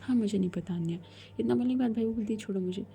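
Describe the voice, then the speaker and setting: A woman's voice: medium pitch, fast talker, vocal fry, warm tone, faint music behind. A woman storyteller telling a romance in a casual, chatty way as a whispered role-play, voicing both heroines' lines herself.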